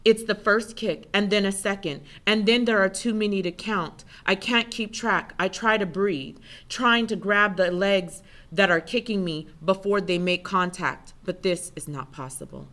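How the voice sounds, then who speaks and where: A woman giving an intense, measured first-person spoken word performance. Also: medium pitch, fairly bright tone.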